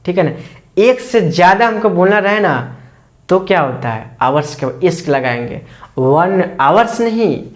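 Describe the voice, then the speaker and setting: At a steady middle pitch, a teacher explains an English lesson to students, constantly asking "ठीक है ना?" in a quizzing tone and answering their own questions. They go step by step, slowly and patiently repeating the key words.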